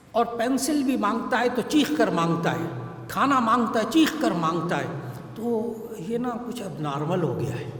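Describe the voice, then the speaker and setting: A male preacher with a fairly high voice tells an anecdote in an earnest sermon, going back over his main points to drive them home. He is recorded in a roomy hall with a long echo, and faint noise sits underneath. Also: a bit bright. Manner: earnest storytelling, repeats key phrases for emphasis. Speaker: Islamic scholar and preacher.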